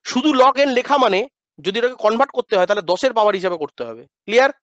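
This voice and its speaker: Male math tutor, high voice, lecture delivery, talks back to himself in students' voice, dull close recording. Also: lively intonation, no echo. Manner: asks and answers his own questions in students' voice; drills pronunciation slowly, then speeds up. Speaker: math teacher. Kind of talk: classroom lecture. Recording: dull lo-fi dry sound.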